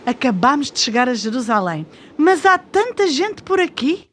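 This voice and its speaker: A woman with a European Portuguese accent co-hosts a scripted children's storytelling programme in an inquisitive, expressive way. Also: high voice, moderate pace, noisy background.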